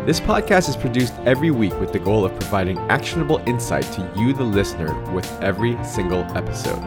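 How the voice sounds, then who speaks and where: A man's voice: on the low side, big pitch swings, fast, loud music behind the voice. A man hosting a business interview podcast, reading a polished intro and then asking questions with frequent restarts and fillers. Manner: hesitant, restarts words when ad-libbing. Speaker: podcast host.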